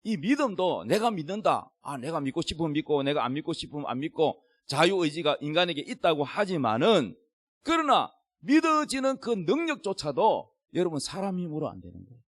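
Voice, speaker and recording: Pastor, male, middle-aged; high, lively sermon voice, dry close sound. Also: brisk, no room sound. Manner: emphatic, asks the congregation questions. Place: church.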